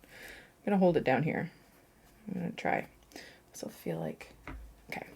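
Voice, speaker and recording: Woman, young adult, watercolour artist, casual painting chat, self-mocking, slightly low pitch. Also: sing-song, moderate pace, darkish tone, a little hiss or hum. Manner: chatty, self-mocking, thinking aloud with laughs.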